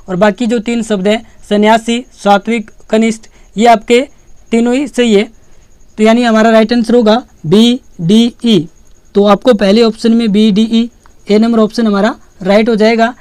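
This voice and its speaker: A woman teacher giving an exam-prep lesson, in a steady, patient way that repeats key points as reminders. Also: on the high side, clear, resonant tone, no room sound.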